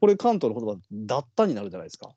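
A man's voice: lowish voice, huge pitch swings, racing, warm tone, lo-fi sound. A man with a Kansai accent, a podcast co-host chatting casually and rambling with many fillers. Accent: Kansai Japanese. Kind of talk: casual chat.

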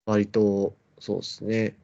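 A man's voice: fairly low pitch, monotone, a little slow, gravelly, dark tone, lo-fi sound. A man in his twenties with a Kansai accent, an easygoing podcast co-host chatting casually. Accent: Kansai Japanese. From Kansai, Japan. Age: 20s. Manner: easygoing, frequent short affirmations. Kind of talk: casual chat.

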